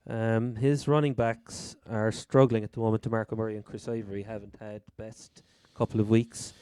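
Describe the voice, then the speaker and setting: Smooth, low-voiced man with a Cork accent. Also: little pitch movement, normal speed, mellow, no echo, studio quality. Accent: Cork Irish. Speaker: fantasy football podcast host. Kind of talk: casual sports chat.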